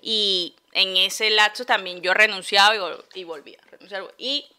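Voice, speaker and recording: A woman's voice: medium pitch, steady tone, normal speed, bright, forceful tone, clear, resonant tone. A young Venezuelan woman co-hosting a podcast, chatting casually and laughing through her stories. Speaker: podcast co-host. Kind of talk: casual chat.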